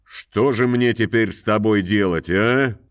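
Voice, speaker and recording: A man's voice: on the low side, unhurried, dry recording, clean studio sound, voice pushed up, close to an everyday voice. A man voicing a pompous country landowner who scolds and moralizes at length. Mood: moralizing. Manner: moralizing, scolding, sing-song.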